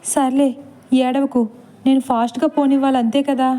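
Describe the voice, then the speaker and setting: A woman's voice: high-pitched, little pitch movement, normal speed, mellow, voice pushed up, close to an everyday voice. Wry, reluctant young man, played by a woman narrator, sighing delivery. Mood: grudging. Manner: sighing, sarcastic.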